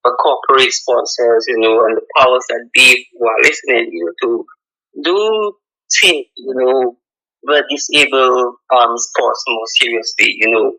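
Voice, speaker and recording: A man co-hosting a radio show, making a halting, filler-filled plea. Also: medium pitch, pushed and bright, low-quality recording. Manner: halting, filler-heavy pleading. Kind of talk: radio interview.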